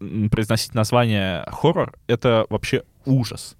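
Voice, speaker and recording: A man's voice: fairly low pitch, moderate pace, dry recording. Guy chatting on a podcast, slight lisp, can't roll his r's, stumbles along, very dry recording. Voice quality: burred R (rhotacism). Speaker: podcast co-host. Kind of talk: casual podcast chat.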